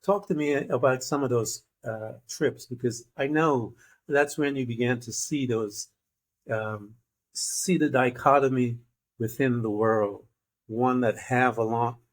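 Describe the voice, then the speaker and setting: A man's voice: mid-range voice, a little slow. A man from Guyana hosting an interview, talking in a thoughtful, meandering way with many fillers. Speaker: interview host. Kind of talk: casual interview conversation.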